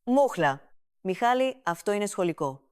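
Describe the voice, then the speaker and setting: A woman voicing a grumpy, bossy older family patriarch in a comic storybook reading, with a smooth, dry sound. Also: mid-range voice, sing-song, no echo, close to an everyday voice. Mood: shouting. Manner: grumbling, bossy outbursts. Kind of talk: storybook character voice.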